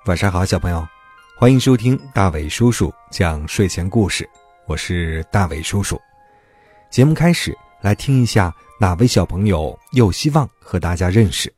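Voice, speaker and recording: Husky man reading bedtime stories to toddlers. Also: sits low, expressive, normal speed, darkish tone, faint music behind. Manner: speaking to small children, as if reading to a toddler. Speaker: children's bedtime story host. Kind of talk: scripted bedtime story narration.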